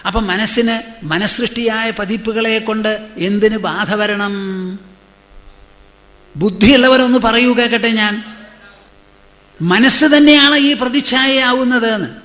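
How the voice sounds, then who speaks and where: A man's voice: extremely high pitch, bright, forceful tone. A man, a swami, giving a spiritual discourse, pressing his listeners with rhetorical questions and repeating phrases for emphasis. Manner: chants scripture verses slowly in a drawn-out way.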